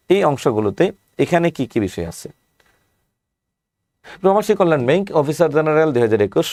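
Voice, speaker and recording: Man with a Bangladeshi Bengali accent, exam-prep teacher, brisk, dry close-mic sound. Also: fairly high pitch, a little mellow, no echo. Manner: walks through question lists, rhetorical questions.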